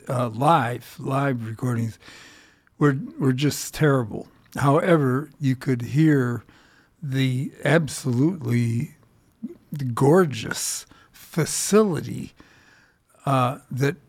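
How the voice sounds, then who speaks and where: An American man with a gravelly voice hosting a music radio show, musing in a halting, rambling way with repeated words. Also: on the high side. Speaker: radio host.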